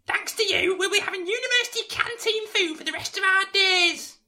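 A woman playing an exasperated mother who scolds her daughter in a shouting panto style. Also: very high voice, fairly quick, full character voice. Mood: scolding.

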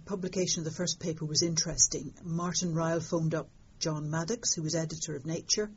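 An older woman talks through a discovery in a relaxed interview, wry and vivid. Her voice sits low and sounds husky. The recording is somewhat dull and lo-fi. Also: fairly quick. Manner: lively storytelling, fond of understatement. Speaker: interviewed astronomer. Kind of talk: conversational interview.

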